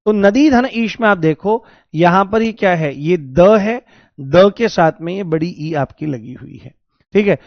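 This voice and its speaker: A man's voice: high voice, animated, a little slow, no echo, muffled recording. A man teaching a grammar lesson for exam preparation, explaining step by step, repeating key words and asking his students questions. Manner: addresses students as "babu" and "babuji". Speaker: Hindi teacher.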